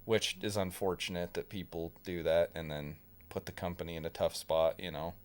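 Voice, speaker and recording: A man's voice: low-pitched, steady tone, moderate pace, a little mellow. Laid-back joking male streamer. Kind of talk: casual livestream chat.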